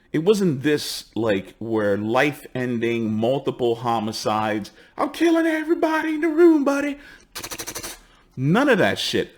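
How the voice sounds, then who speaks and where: A man in his forties with a New York accent, from the Bronx, hosting a heated, swear-filled commentary and acting out the people he quotes. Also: fairly high pitch. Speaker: host. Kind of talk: profane ranting commentary.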